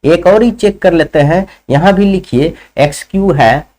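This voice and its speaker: A man with a fairly high voice teaches a math class. He walks through every step and keeps stopping to ask his students questions. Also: normal speed, darkish tone. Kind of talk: classroom lesson.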